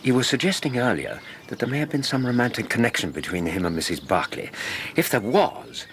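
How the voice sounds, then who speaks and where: A reasonable Victorian doctor in a radio drama. He is measured and courteous, with a mid-pitched, very varied intonation over faint background noise. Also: sing-song, a bit bright. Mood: measured, inquiring. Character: steady, reasonable male Victorian doctor, detective's companion.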